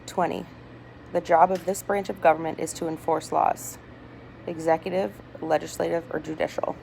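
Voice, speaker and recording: A woman reading multiple-choice test questions aloud item by item in a hospital room, deliberately and with small stumbles. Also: low-pitched, flat delivery, vocal fry, a little mellow. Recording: noisy hospital room with background chatter. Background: people talking, ambient noise.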